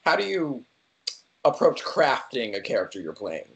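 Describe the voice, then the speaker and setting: A man's voice: medium pitch, big pitch swings, moderate pace, creaky, dull audio. A man interviewing a guest over a video call from home, speaking through a wired earphone mic. He is inquisitive and piles up several questions at once before letting the guest answer. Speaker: interviewer, host. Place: indoors at home.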